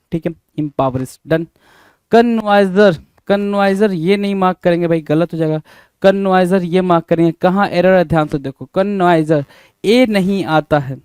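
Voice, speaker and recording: A man's voice: a little high, darkish tone, smooth, dry recording. Man spelling out words letter by letter. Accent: Indian. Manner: often adds "bhai" to address viewers. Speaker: teacher. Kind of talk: spelling lesson, checking answers.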